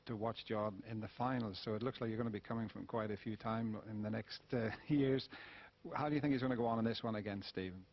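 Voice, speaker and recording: A man interviews a guest live at a sports event. He talks quickly in a mid-pitched voice. The sound is dull, like an old TV broadcast, with some noise. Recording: dull 1990s TV broadcast, noisy.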